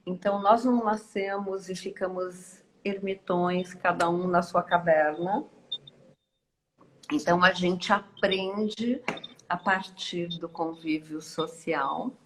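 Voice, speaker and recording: A woman with a Brazilian Portuguese accent speaks at a slow, measured pace in a mid-range voice. She is a guest speaker on a live stream and talks reflectively. She pauses often and ends many phrases with tag questions. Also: medium pitch, slight background noise. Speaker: guest speaker and course teacher.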